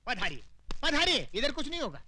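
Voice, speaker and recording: A man's voice: very high voice, huge pitch swings, brisk, bright, forceful tone, slight background noise, full character voice. A man playing a crafty, fawning male scribe serving the god of death, coaxing and chatty in a comic sketch.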